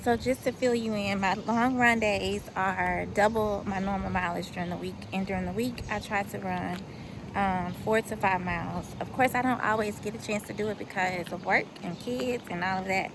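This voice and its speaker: Woman in her 40s doing a casual vlog, lots of vocal fry, noisy background. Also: medium pitch, fairly even intonation, normal speed. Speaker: running vlogger.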